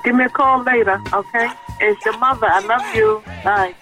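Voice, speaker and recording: A mother leaves a brief, tender voicemail message, and her voice is quiet and distant. Music plays clearly underneath her words. She keeps it short and signs off gently. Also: a little high, moderate pace.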